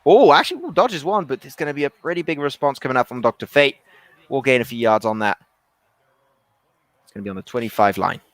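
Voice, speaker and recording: A man doing excitable play-by-play commentary on an esports football match, often restarting his sentences. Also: medium pitch, no echo. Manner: rapid, excitable calls with frequent restarts.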